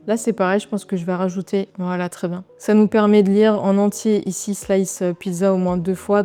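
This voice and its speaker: A woman talking through a design software tutorial step by step, with relaxed, chatty asides as she works. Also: medium pitch. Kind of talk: screen-recorded software tutorial.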